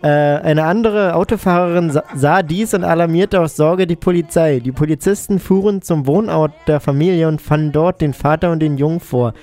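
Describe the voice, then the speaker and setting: A man's voice: fairly high pitch, moderate pace, few pauses, a little mellow. A male radio co-host reading quirky news items and adding dry, ironic remarks. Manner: dry ironic asides after each news item. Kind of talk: casual joking news reading.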